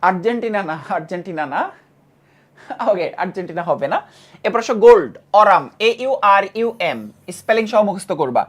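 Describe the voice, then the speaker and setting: A woman teaching a chemistry class with a Bangladeshi Bengali accent. She repeats key facts and asks the students quick questions. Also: mid-range voice, expressive. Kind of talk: classroom lecture.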